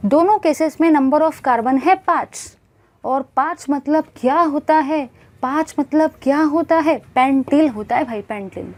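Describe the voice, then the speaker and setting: A woman's voice: high voice, a little mellow. A woman teaching a chemistry class, asking questions and answering them herself, calling the students bhai and guys.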